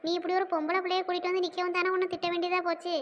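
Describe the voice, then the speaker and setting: A scolding, protective old village mother in a cartoon, voiced by a woman. Her southern Tamil village speech comes out very high and commanding. A faint hiss sits behind it. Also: monotone, racing, dull audio. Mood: soothing. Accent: southern Tamil village dialect. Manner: bossy, scolding, then soothing. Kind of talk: cartoon dialogue.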